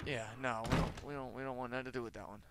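A man's voice: medium pitch, fairly even intonation, rapid-fire, heavy background noise. A man giving casual horror game commentary as a scared streamer, jumpy and talking to himself and to the game.

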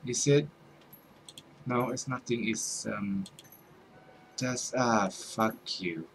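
A man's voice: mid-range voice, takes it slowly, creaky, slight background noise. A young man giving let's-play commentary, full of startled exclamations and swearing. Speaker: gaming YouTuber.

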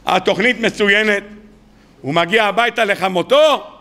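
A man, a rabbi, preaching to an audience in a colloquial storytelling sermon, acting out the people in his tales. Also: high voice. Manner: colloquial, addresses the audience as "gentlemen". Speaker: rabbi giving a weekly Torah talk. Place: evening lecture before an audience.

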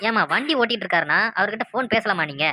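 A woman's voice: medium pitch, expressive, rapid-fire, sharp tone, no room sound. A woman voicing a stern male traffic police officer in a cartoon, lecturing and scolding.

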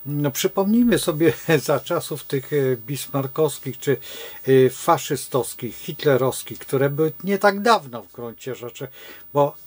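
A man's voice: a little high, animated, measured pace, darkish tone, slightly rough. An older man from Poland giving a rambling, digressive informal talk as an astrologer to his followers, with many hesitations and wry chuckles.

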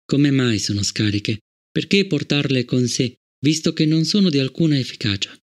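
A man reading an audiobook, voicing a cold, relentless male guard robot with a flat, formal manner. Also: medium pitch, normal speed, natural voice. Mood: stern. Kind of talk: audiobook character voice.

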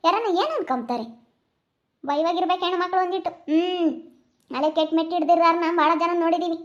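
Brief: sharp-tongued village mother, played by a woman, very high pitch, rapid rural Chitradurga Kannada, muffled recording. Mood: scolding. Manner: scolding, rapid and shrill.

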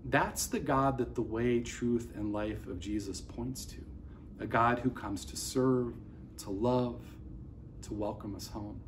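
A man's voice: mid-range voice, slow pace, slight background noise. A middle-aged man, a pastor, preaching an earnest sermon to a camera at close range in an indoor room. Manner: earnest, gestures with open hands while preaching. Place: indoors by a large window facing office towers.

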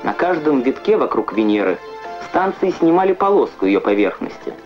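Guy narrating an old science newsreel, lively pitch, muffled film sound, music behind. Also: moderate pace.

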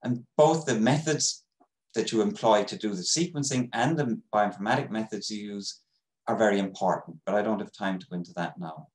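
A man giving an academic webinar lecture over a video call, explaining in a measured way with frequent pauses. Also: on the low side, reverberant, rough recording. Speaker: microbiology professor giving a webinar talk.

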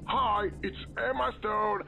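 A man's voice: high-pitched, slow, creaky, music in the background, exaggerated voice, low-quality recording. A man voicing a chatty, sarcastic male game program who jokes and talks to himself. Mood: animated. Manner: animated, joking, talking to himself.

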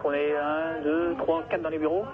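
A man's voice: a little high, little pitch movement, moderate pace, a crowd in the background. A man at a trucking firm, talking on the phone and growing flustered, protesting over and over. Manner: flustered, keeps protesting with repeated "non, non". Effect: heard over a telephone line. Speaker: employee of a trucking firm answering a call. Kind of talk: unscripted phone conversation. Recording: noisy, narrow telephone line.

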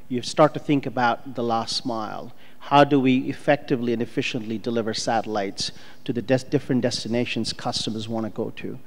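A middle-aged man, a startup co-founder, giving fluent, businesslike panel remarks with filler ums into a handheld microphone on a conference stage. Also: medium pitch. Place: large conference hall stage, indoors. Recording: long reverb of a conference hall.

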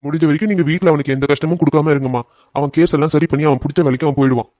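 A man's voice: on the high side, fairly even intonation, very fast, darkish tone, no room sound, natural voice. A man voicing a kind, respectful young auto driver who soothes an upset mother in a cartoon family drama. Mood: soothing.

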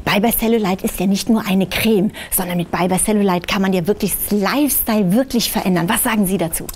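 A woman's voice: mid-range voice, quick pace, a little mellow, a little hiss or hum. A woman hosting an infomercial interview in a TV studio, putting questions to a guest.

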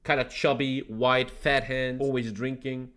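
A man, hosting a casual reaction video, animated, swearing freely and laughing often. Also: medium pitch, unhurried. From Germany. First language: German.

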